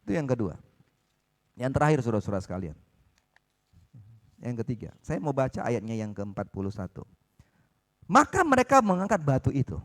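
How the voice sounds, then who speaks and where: A man preaching a sermon at a church service, talking in an animated way and often asking the congregation "ya kan?". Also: mid-range voice. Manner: acts out quoted dialogue in changed voices.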